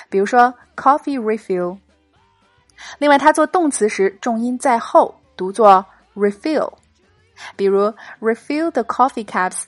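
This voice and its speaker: Bright-voiced woman teaching English. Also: a little high, no room sound. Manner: reads dialogues in English, explains in Mandarin. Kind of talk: scripted English lesson podcast.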